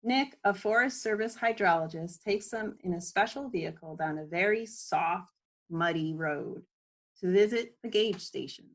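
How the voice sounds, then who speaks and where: At home, a woman with a mid-range voice reads a children's book aloud at an unhurried pace, dropping in casual asides to explain things along the way.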